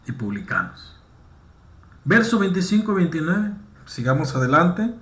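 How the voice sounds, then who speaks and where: A man's voice: a little high, sing-song, moderate pace, a bit bright, echoey room. A man preaching a sermon, often asking "¿sí?" and saying "amén" to the congregation as he reads and explains a Bible passage. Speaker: pastor.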